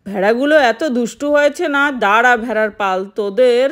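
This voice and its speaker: Lady doing a talkative ice cream man in a doll story, fussy and exclaiming, high voice. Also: brisk, natural voice. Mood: dismayed. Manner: chatty, scolding, exclaims often. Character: cheerful middle-aged male ice cream seller.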